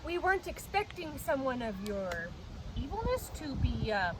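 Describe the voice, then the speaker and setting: Young turtle, earnest, excitable, very high, lively, woman acting. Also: moderate pace, background noise. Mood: eager. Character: eager, bossy young turtle named Pebbles.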